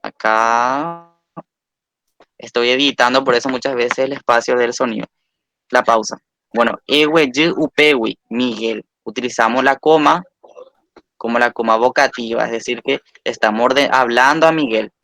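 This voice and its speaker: Male teacher, mid-pitched, patient and methodical, repeats example words slowly, close dry sound. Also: steady tone, a bit bright, no echo. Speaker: Guarani language teacher. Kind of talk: recorded language lesson.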